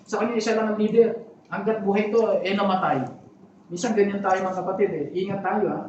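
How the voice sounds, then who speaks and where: Man, pastor, sermon, chatty asides to the congregation, high voice, distant mic, echoey church hall. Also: steady tone, fairly quick, a little mellow, muffled recording, slight background noise. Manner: conversational preaching with frequent asides to the congregation.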